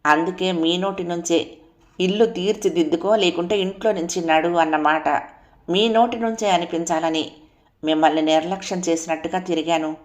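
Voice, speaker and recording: A woman's voice: fairly low pitch, fairly even intonation, normal speed, close to an everyday voice. A woman voicing a dignified young wife who speaks in an earnest, tearful way.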